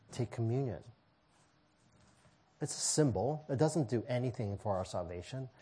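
Fairly low, warm, and husky, this man's voice carries a pastor's sermon to his church congregation. He pleads with emphasis and keeps repeating phrases to press his message.

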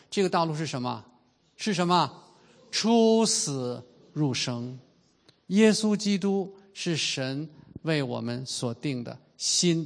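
A man in his fifties preaching a sermon in an earnest way, slowing down and stretching out the key phrases. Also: a little high, vocal fry. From China. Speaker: pastor.

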